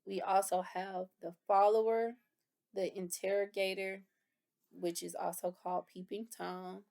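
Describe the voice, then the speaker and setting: Woman instructor, explains and rephrases terms, fry-heavy voice. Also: mid-range voice, flat delivery, unhurried, darkish tone. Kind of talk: lecture review.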